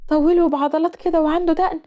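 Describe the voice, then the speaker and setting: A woman's voice: extremely high pitch, fairly even intonation, very fast, dark tone, voice pushed up. A woman voicing a sulky young female student with an Egyptian accent, complaining dramatically. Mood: whiny. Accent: Egyptian Arabic. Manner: whiny, exaggerated complaining.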